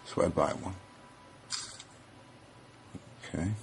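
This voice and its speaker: A man hosting his own video, musing aloud in a halting, casual way while sorting through a home kitchen and later describing a phone game. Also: a little hiss or hum. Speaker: video host. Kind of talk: casual rambling commentary.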